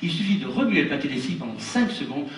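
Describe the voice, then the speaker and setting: A man's voice: fairly high pitch, big pitch swings, quick pace. A man performing as a children's party magician, addressing the kids with showman's patter and exclamations. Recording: roomy, distant, noisy live show recording.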